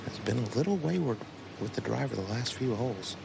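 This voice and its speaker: A man's voice: mid-range voice, expressive, brisk, creaky. Man calling golf amid strong outdoor noise. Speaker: golf commentator and presenter. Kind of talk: live golf commentary. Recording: loud outdoor course noise.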